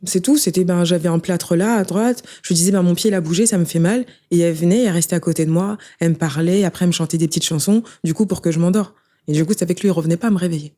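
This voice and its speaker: A woman's voice: lowish voice, warm tone. A young woman telling her own story in an interview, emotional and conversational, often turning to the listener. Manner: rapid, emotional, conversational, addresses listener with "tu vois". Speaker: guest sharing her life story. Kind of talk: casual spoken testimony.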